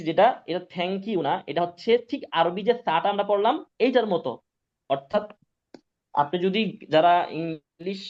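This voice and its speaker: A male Quran teacher, giving a live online pronunciation lesson, patient and repetitive, often checking whether students follow. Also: high voice. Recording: dull lo-fi sound.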